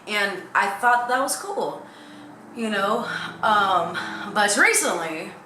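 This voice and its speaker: A woman's voice: mid-range voice, big pitch swings, slow pace, sharp tone. A young woman chatting casually in a candid, rambling way that jumps from thought to thought, like a vlogger talking to viewers. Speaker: YouTuber. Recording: echoey room with faint background noise.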